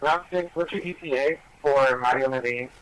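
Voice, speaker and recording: A man's voice: medium pitch, brisk, a bit bright. A man working as a police dispatcher, heard over a police radio transmission, talking in clipped radio codes. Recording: noisy, crackly police radio.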